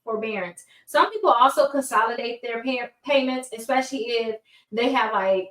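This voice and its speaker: A woman with a fairly high voice gives an informal, chatty lesson straight to her viewers. She talks with braces, which slightly hamper her words, and she now and then stumbles and corrects herself. The sound is roomy and a little distant from the mic. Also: lively intonation, moderate pace, fairly bright tone. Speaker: host of a personal finance course. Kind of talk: casual instructional talk to viewers. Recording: roomy, echoey, far from mic.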